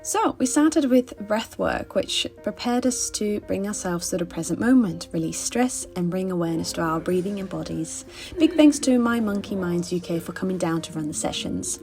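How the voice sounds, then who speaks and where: A woman's voice: on the low side, normal speed, a little mellow. Woman narrating over faint music. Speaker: vlogger.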